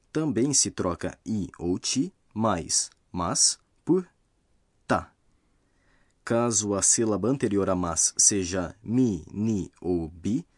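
A man narrating a scripted language lesson, explaining grammar rules slowly and carefully. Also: lowish voice, no echo, clean studio sound.

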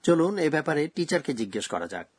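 A man presenting a scripted radio language lesson, explaining grammar rules slowly and carefully. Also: on the high side, sing-song.

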